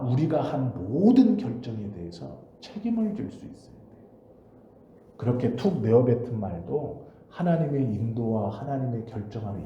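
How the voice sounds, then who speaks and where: A man's voice: mid-range voice, mellow, dull audio, slight background noise. A man preaching a sermon as pastor, emphatic and asking rhetorical questions. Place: church sanctuary. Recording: roomy church recording.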